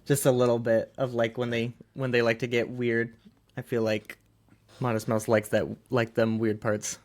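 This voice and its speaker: A man's voice: medium pitch, flat delivery, normal speed. A man co-hosting a music podcast, talking in a loose, rambling way with lots of fillers and easy laughter. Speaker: podcast co-host. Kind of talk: casual chat about music.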